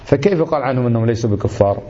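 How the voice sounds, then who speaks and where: A man's voice: mid-range voice, lively intonation, very fast, noisy background. A man giving a religious lesson, emphatic and indignant, firing off rhetorical questions. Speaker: religious teacher. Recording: slightly dull lo-fi recording.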